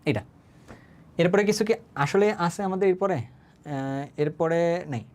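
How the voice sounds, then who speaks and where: A man's voice: a little high, lively intonation, a little mellow. A male chemistry teacher, giving an online class lecture in a chatty way, mixing in English words and checking in with his students. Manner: conversational, often checks understanding with quick tag questions.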